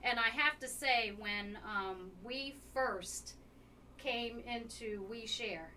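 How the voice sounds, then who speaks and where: A woman's voice: a little high, takes it slowly, pushed and bright. A woman hosting a live radio talk show, upbeat and welcoming, with many fillers. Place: radio station studio. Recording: distant mic, faint noise.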